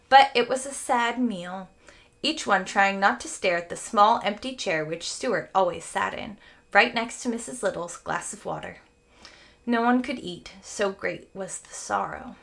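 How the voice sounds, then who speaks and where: With a mid-range voice marked by vocal fry, a woman teacher performs a children's story with expression for young listeners. Along the way, she explains certain phrases to them.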